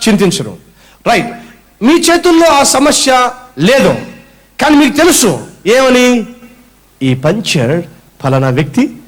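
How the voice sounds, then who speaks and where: A male preacher with a high voice that swoops up and down as he works the room. He throws questions at the congregation, answers them himself and drops in English phrases along the way. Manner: acts out a whining complainer as an example. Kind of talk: sermon.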